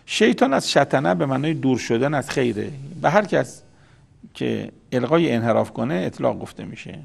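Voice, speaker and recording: Casting: male religious lecturer, gravelly voice, patient and explanatory, mid-range pitch. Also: sing-song. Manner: explanatory, repeats key words. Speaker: Quran commentator.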